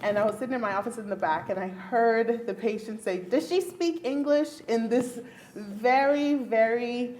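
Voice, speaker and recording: This woman, a Bahamian neurologist, speaks on a panel at a luncheon in an event hall, earnest and emphatic and laughing often. Her somewhat high, slightly mellow voice moves at a moderate pace, with a bit of background noise.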